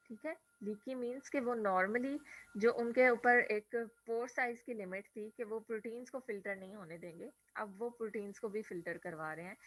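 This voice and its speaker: A woman's voice: medium pitch, a bit bright, no echo, low-quality recording. A woman lecturer explaining a diagram in a classroom lecture. She asks rhetorical questions and keeps checking in with her students. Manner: mixes English terms into Hindi explanation.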